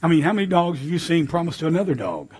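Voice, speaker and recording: Animated older preacher, high husky voice. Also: male voice, very fast. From United States. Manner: animated, emphatic preaching with sudden shouts. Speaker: pastor. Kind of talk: sermon.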